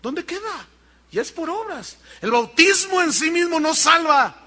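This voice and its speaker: Animated Mexican preacher, bright and high. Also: male voice, measured pace, big-room sound. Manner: emphatic, asks the congregation rhetorical questions. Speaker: pastor. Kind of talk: sermon.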